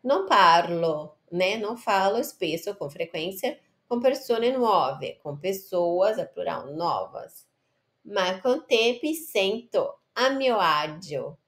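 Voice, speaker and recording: A woman gives an Italian lesson in at an unhurried pace. She reads short lines of Italian, then translates and repeats each word to drill the pronunciation. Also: medium pitch, animated, a bit bright. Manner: explains Italian words in Portuguese, repeats and corrects pronunciation. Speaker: Italian teacher. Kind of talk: online language lesson.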